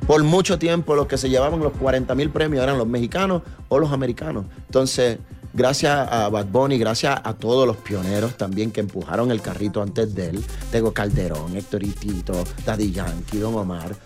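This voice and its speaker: A man from New York, a reggaeton artist chatting as a guest in a relaxed interview, with lots of fillers and tag questions. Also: lowish voice, moderate pace, faint music behind. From New York, USA. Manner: animated storyteller, many fillers and tag questions. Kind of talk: casual interview chat.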